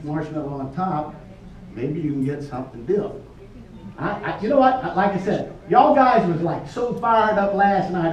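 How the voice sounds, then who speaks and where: Here a workshop presenter with a fairly high pitch and darkish tone jokes folksily while casually describing a challenge to a group, going back over his questions. The sound is lo-fi, recorded at a distance in a large echoey room indoors.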